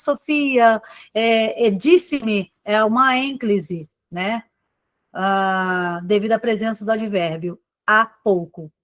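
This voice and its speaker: A woman's voice: medium pitch, no echo. A woman teacher with a Brazilian Portuguese accent giving a live online exam-prep class, chatty, calling on students by name and tagging her points with "tá?" and "né?". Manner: chatty, addresses students by name, frequent "tá?" and "né?" tags.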